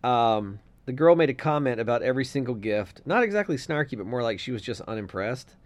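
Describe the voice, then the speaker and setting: A man's voice: mid-range voice, lively intonation, a little fast. A man co-hosting a casual podcast, reading a listener letter aloud and giving blunt, opinionated takes with some swearing. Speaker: podcast co-host.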